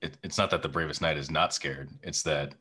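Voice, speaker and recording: A man's voice: rumbling low, fairly even intonation, fairly quick, pushed and bright, slight background noise. A man hosting a podcast interview, giving short affirmations and asking brief questions. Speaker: podcast host. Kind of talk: casual interview.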